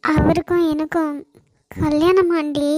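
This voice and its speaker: A woman's voice: high-pitched, flat delivery, a little slow, darkish tone, no echo. A woman voicing Hasini, a hesitant, distressed young woman in a cartoon, with a Kanyakumari Tamil accent. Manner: hesitant, pleading. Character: troubled, timid young woman forced into marriage.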